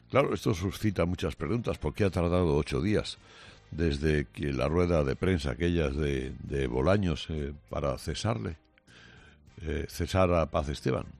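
In a studio, a male radio host with a rumbling, low, gravelly voice delivers a combative, sarcastic opinion monologue, full of pauses and restarts.

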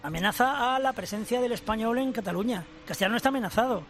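Older man, high-pitched, emphatic professorial radio guest, faint music under. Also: fast talker, creaky, fairly bright tone. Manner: emphatic, explanatory, addresses host formally. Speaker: language professor and author.

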